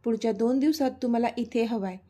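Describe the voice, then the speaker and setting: A woman's voice: a little high, fairly quick, dark tone, lightly acted. A woman narrator voicing a cold, uncaring male boss who gives curt orders. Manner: curt and bossy.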